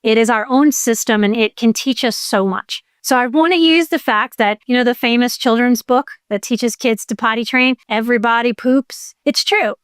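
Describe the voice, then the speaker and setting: A woman's voice: fairly high pitch, moderate pace, hardly any pauses, smooth, dry recording, studio quality. A woman hosting a podcast as an emotional coach, talking in a playful, earnest and folksy way. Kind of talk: conversational podcast monologue.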